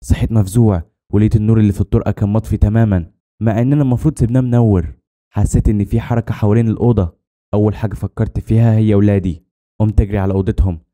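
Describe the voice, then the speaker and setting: A man narrating a horror story in the first person, in a rapid, tense scripted telling. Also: fairly low pitch, fairly even intonation, dark tone.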